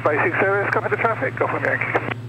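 Creaky male pilot over a noisy headset radio. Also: sits high, animated, fast talker, lo-fi sound. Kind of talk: clipped radio calls to air traffic control.

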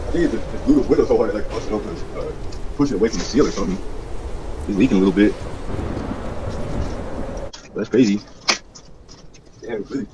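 A man's voice: on the low side, noisy background. A man live-streaming in casual talk, muttering and cursing with irritation.

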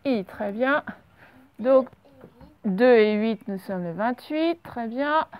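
A woman teaching young children a spelling and dictation lesson, speaking slowly and patiently and spelling words out letter by letter. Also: fairly high pitch, expressive, darkish tone, clear, resonant tone. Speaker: primary school teacher. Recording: slightly dull, lo-fi home recording.

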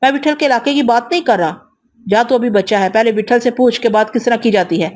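A woman reading the lines of a menacing gang boss man in an audio novel, gruff and condescending. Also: fairly high pitch, darkish tone, lightly acted. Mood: domineering.

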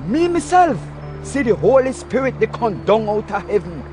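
An actor playing a fervent desert prophet in a dubbed film, earnest and declamatory, with a Belizean Kriol accent. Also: male voice, high-pitched, big pitch swings, moderate pace. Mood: earnest testifying. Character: fervent male desert prophet, long-haired preacher. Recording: music behind the voice.

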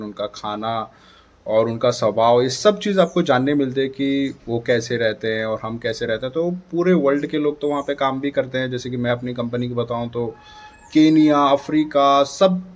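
Standing by a dark door in a dim room, a man in his thirties vlogs to a phone camera at arm's length, offering advice with plenty of hand gestures. His mid-range voice comes through on a muffled recording, and his tone is casual.

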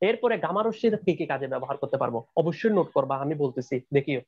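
A man's voice: a little high, animated, racing, dull audio. A young man teaching a chemistry class online, repeating key points and often checking that his students are keeping up.

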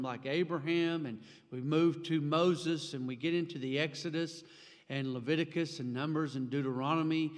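Pastor preaching in a reverberant hall. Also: male voice, on the high side. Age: 40s. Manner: emphatic, gesturing widely, rising for emphasis. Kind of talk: sermon. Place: church sanctuary with chairs behind. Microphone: stand mic at a pulpit. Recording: long church-hall reverb.

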